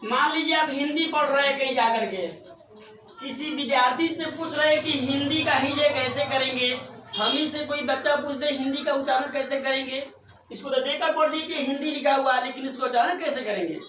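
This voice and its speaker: A man's voice: very high voice, steady tone, pushed and bright, slight background noise. A man teaching a class at a board, drilling each point with questions he answers himself. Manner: repetitive, drills with quick self-answered questions. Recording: echoey room, voice far from mic.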